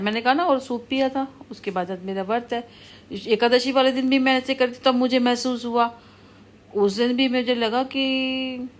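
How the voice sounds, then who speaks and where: A middle-aged woman speaks to her viewers in a loose, unscripted monologue. Her voice sits a little high, and she scolds, rambles and circles back to the same warnings again and again. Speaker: vlogger. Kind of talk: casual monologue to camera.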